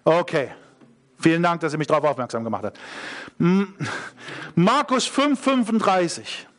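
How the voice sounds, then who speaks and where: A man's voice: on the high side, lively intonation, moderate pace. A middle-aged man preaching a sermon, emphatic, repeating key phrases and asking the congregation questions.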